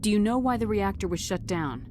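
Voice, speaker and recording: A woman's voice: medium pitch, animated, fairly quick, background noise, close to an everyday voice. A woman playing a composed military commander in a video game, speaking directly and tersely with authority. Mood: businesslike. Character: composed, businesslike female military commander and agent. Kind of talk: scripted game character dialogue.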